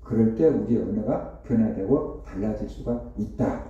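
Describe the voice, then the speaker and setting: A man preaching a conversational sermon as pastor, telling a story with rhetorical questions and lively repetition. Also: fairly low pitch, moderate pace. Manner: repetitive, animated retelling. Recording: echoey hall, distant dull mic.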